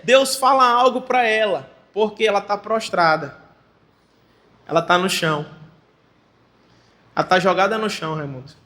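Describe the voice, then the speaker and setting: A male pastor with a Maranhão accent preaches fervently in a very high voice. His tone is bright and ringing, and he often bursts into shouted praise. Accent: Maranhão Portuguese. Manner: fervent, breaks into shouted exclamations. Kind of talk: fervent sermon. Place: church.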